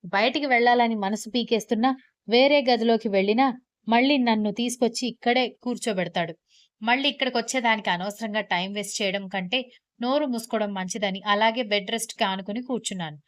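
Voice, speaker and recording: Woman reading a story, higher voice. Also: fast talker. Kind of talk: scripted first-person story narration.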